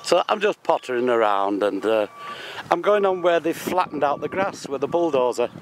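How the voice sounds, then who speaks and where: Recorded on a handheld camera outdoors, a British man with a fairly high, expressive voice metal detects on a blustery building-site spoil heap, talking casually and chuckling at himself without hurry. Wind noise fills the low-quality recording.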